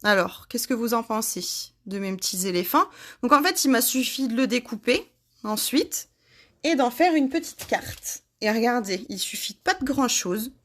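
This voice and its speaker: A woman's voice: on the high side, animated, moderate pace, a bit bright. A woman hosting a casual craft tutorial, chatting to her viewers by name and laughing at herself.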